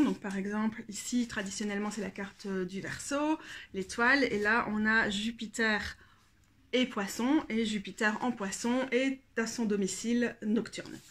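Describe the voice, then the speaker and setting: A French-speaking woman with a bad cold, chatting casually in a tarot deck review, hesitant with many fillers. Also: a little high.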